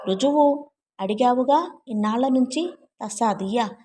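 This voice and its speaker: A man's voice: extremely high pitch, normal speed, mellow, slight background noise. A woman reading the abusive, snarling lines of a violent jealous husband in a storybook. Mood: angry.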